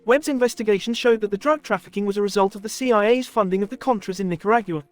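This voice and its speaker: A man's voice: high voice, fast, faint music behind. A synthetic voice playing a formal male reporter in a suit explaining a news story. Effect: synthetic text-to-speech voice.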